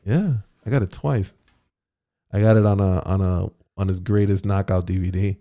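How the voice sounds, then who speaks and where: A man's voice: deep voice, steady tone, normal speed, mellow, dull audio. Man, casual chat, profane and slangy, restarts his phrases. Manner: profane, slangy, says "bro" a lot.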